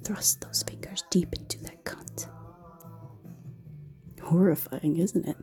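Woman playing a slow, dark-toned succubus who whispers low and breathy, with faint music behind. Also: fairly even intonation. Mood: teasing whisper. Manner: slow, teasing, commanding. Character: seductive, menacing female succubus. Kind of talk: erotic audio roleplay.

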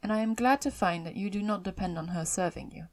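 Woman reading as a wry, measured gentleman father. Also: mid-range voice, close to an everyday voice. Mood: dryly teasing. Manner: measured, ironic, formal. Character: dry, teasing middle-aged father, wry and unruffled gentleman. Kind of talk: audiobook character voice in a classic novel.

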